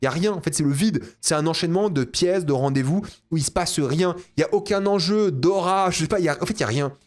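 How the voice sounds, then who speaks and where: A man's voice: on the high side, quick pace. A young man giving a casual spoken film review, exasperated and ranting, repeating himself. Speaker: film critic.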